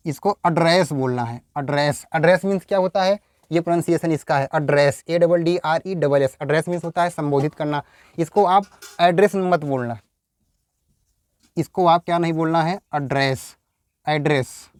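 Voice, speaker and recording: A man teaching English grammar to Hindi-speaking students, with a smooth, clear voice pitched a little high. He keeps asking rhetorical questions and repeats each word several times. The recording is dry and close. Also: moderate pace, a little mellow, no echo. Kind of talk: Hindi-language grammar lesson.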